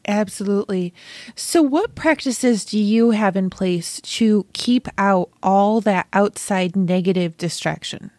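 A woman's voice: mid-range voice, measured pace, darkish tone, no echo. Woman podcast host, effusive, exclamatory, dry close-miked sound. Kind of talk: casual conversation.

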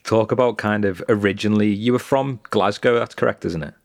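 A man hosts the podcast in a low voice. His long, winding questions are full of "like" and "kind of". The sound is close and dry. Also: fairly quick, gravelly, no room sound. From Liverpool, England. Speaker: podcast host. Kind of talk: podcast interview.

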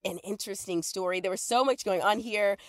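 A woman hosting a podcast in casual, animated, giggly chat, sounding like she is recording inside a small closet. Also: medium pitch, brisk, dry recording, clean studio sound. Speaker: podcast host.

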